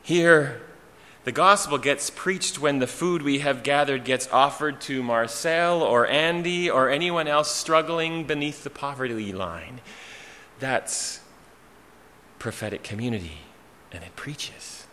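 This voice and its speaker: A male pastor delivers a sermon at an unhurried, deliberate pace, leaning on repeated refrains and pauses. His voice is bright and forceful, carried by a long church reverb. A faint hum of the room sits underneath. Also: mid-range voice, lively intonation. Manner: slow, rhythmic preaching with repeated refrains and dramatic pauses. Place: church sanctuary. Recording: hall reverb, faint ambience.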